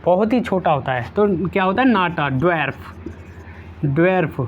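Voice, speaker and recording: A man's voice: high voice, animated, normal speed, slight background noise. Man drilling vocabulary, lo-fi sound. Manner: repeats each word several times, playful memory tricks. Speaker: teacher. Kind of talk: exam-prep vocabulary lesson.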